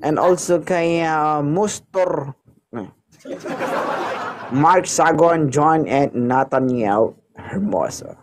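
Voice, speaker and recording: A man hosts a casual livestream in an unhurried, drawn-out way, joking with his partner and calling out gifters one by one. His voice sits a touch high for a man, with a faint hiss of noise behind it. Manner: playful, teasing, thanking gifters by name. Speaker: livestream host.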